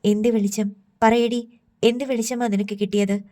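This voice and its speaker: A wounded middle-aged mother snaps at her daughter in an audiobook, read by a woman. Her voice is flat and mellow, trembling as she scolds. The hurt sits under every sharp word. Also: a little high, moderate pace, lightly acted. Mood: upset scolding.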